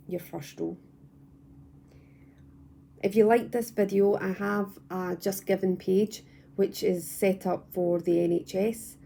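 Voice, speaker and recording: A young woman from the UK calmly walking viewers through crochet stitches step by step at home, patient and repeating herself as she goes. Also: on the low side, creaky, slight background noise. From United Kingdom. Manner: calm, patient, repeats and restarts phrases. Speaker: crochet tutor. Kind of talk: step-by-step craft tutorial. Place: at home, indoors.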